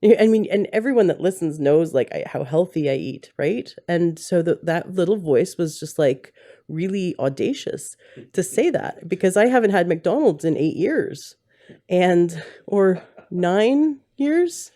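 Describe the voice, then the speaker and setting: Low, mellow-voiced woman host. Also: animated, normal speed. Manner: earnest, rambling, self-correcting storytelling. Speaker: podcast host. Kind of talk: candid conversational interview. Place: home setting, husband holding the mic.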